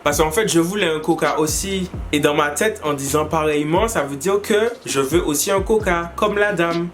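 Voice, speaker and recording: A young man from the French Antilles telling comic stories and reacting to viewers' embarrassing moments, jumping into high squeaky voices when he quotes people. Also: moderate pace, faint music behind. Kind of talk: comic storytelling to camera.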